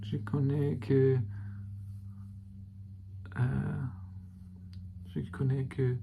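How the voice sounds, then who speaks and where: A man with an English accent speaking halting French as a learner in a casual video diary, often stopping to search for words. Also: mid-range voice, level tone, creaky, narrow, tinny audio, slight background noise.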